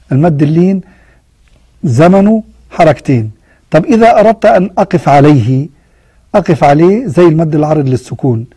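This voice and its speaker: A man with an Egyptian accent teaching Quran recitation rules, mixing formal Arabic with colloquial asides and chanting the verse examples slowly. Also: a little high, dark tone, husky, no room sound. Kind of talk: tajweed lesson with recited examples.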